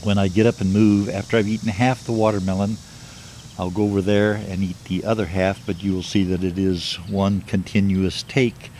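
Deep-voiced older man musing outdoors. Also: level tone, a little mellow. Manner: slow, plain, matter-of-fact musing. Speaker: video maker. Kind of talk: rambling self-filmed monologue. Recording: noisy outdoor video clip.

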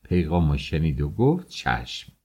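A man narrating an audiobook in an expressive storytelling manner. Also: low voice, breathy edge.

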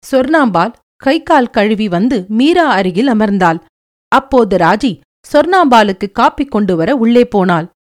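A woman narrating a story aloud in a steady, expressive storytelling manner. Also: on the high side.

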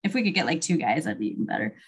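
A woman's voice: sits low, big pitch swings, very fast, slightly rough. A woman with a standard American accent co-hosting a podcast, chatting casually and reading out quoted material. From United States. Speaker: podcast co-host.

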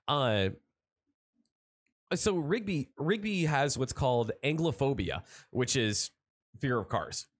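A man chatting casually as a podcast host, retelling a cartoon episode in a rambling, excited way full of fillers and restarts. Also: medium pitch, slow pace, pauses often, breathy edge. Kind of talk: casual chat.

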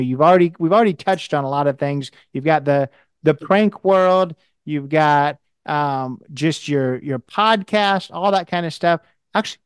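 A man's voice: fairly high pitch, clear, resonant tone, no echo. A man hosting a podcast interview, talking casually with many restarts and fillers. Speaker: podcast host.

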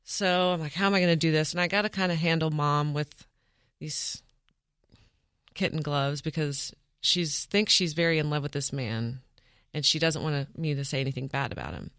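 A woman's voice: deep voice, moderate pace, fairly bright tone, dry recording, studio quality. A woman, an interview guest, telling a personal story in an earnest, matter-of-fact way.

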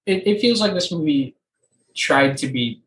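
A man's voice: fairly high pitch, expressive, unhurried, fairly bright tone, echoey room, slight background noise, low-quality recording. A young man co-hosting a casual movie chat, rambling and opinionated with lots of fillers. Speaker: podcast co-host.

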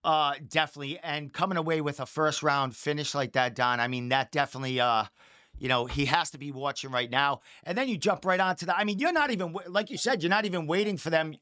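A man hosting a podcast, asking long, halting questions full of restarts. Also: on the high side, sharp tone. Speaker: podcast host. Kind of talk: casual interview.

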